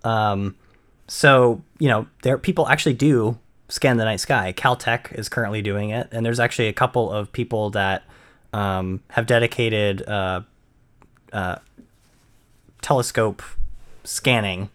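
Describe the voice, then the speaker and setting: Man explaining with halting restarts. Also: lowish voice, fairly even intonation, a bit bright. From Maine. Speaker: podcast co-host. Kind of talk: casual chat.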